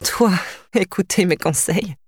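An older nursemaid, voiced by a woman narrator speaks with dry, sighing indulgence. Her voice is a little lower and softer than the reader's own. The storybook recording is dry. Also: unhurried, slightly rough, dry recording. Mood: wry.

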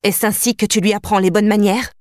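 A woman's voice: fairly high pitch, big pitch swings, normal speed, dry recording, studio quality. A woman voicing a haughty elder princess who scolds and gives orders in an audiobook. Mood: reproachful. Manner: cold, scolding, commanding. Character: haughty elder princess sister, stern and reproachful.

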